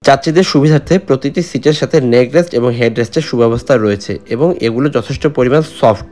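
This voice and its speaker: A man's voice: medium pitch, fast talker, a little mellow. A man narrating a travel vlog in a scripted voice-over, describing and reviewing a bus journey. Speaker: travel vlogger.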